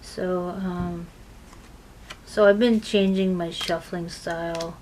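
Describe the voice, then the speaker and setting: This tarot reader has a lowish, steady, slightly mellow voice and takes her time. In a rough recording she chats casually with many fillers, and the shuffling of her cards is clearly heard.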